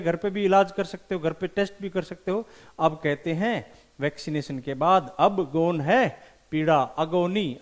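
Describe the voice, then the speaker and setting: A man teaching English vocabulary for competitive exams, animated and repeating key words slowly for emphasis. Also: sits high. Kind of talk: vocabulary lesson with memory tricks.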